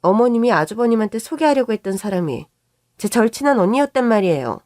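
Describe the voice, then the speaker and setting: A woman's voice: fairly high pitch, sing-song, quick pace, a little mellow, no echo, clean studio sound. A woman voicing a snobbish young sister-in-law who talks in a sneering, condescending way.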